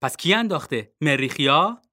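A man's voice: a little high, expressive, pushed and bright. A man voicing a fussy mother who snaps at one son and coos at the other in a storybook reading. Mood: scolding.

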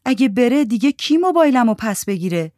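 Woman reading a gentle young sister, light mild questions, slightly raised voice, dry close recording. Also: fairly high pitch, sing-song, no room sound, pitched above the performer's own voice.

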